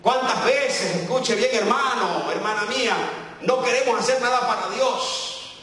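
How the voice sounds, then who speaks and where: A man's voice: unhurried, pushed and bright. A man from El Salvador with a Salvadoran Spanish accent, preaching a fervent Pentecostal sermon as a guest preacher, calling out to the congregation. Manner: fervent, calls out to the congregation, sweeping pitch. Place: church sanctuary. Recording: echoey church hall, distant mic.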